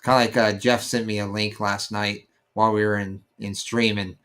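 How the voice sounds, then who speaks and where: Low-voiced man, rambling casual chat. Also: flat delivery, normal speed, a bit bright. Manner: rambling, many fillers, searching for words. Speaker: podcast co-host.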